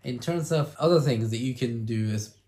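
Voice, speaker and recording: A man's voice: mid-range voice, moderate pace, dark tone. A man with a cold and a congested voice, talking through sound design tips in a loose, rambling way with lots of "you know" and restarts. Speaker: music producer and video host. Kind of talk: casual sound design tutorial.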